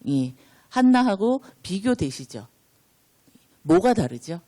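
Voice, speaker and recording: A woman's voice: mid-range voice, sing-song, slow pace, warm tone. A woman preaching an interactive sermon, asking the congregation questions and then answering them.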